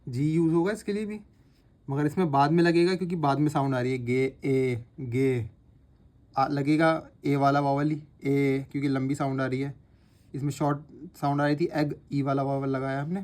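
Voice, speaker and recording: A man teaching shorthand step by step, patiently repeating sounds slowly as he writes. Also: on the high side, darkish tone. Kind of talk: explaining step by step while writing.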